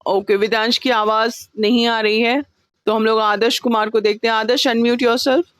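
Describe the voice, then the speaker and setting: A woman teaches a class over a video call, patient and coaxing, dropping English terms into her sentences. Her voice sits a little high. The sound is dry and close, with no room around it. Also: steady tone, moderate pace, dry recording. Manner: patient, coaxing, calls students babu; mixes Hindi with English terms.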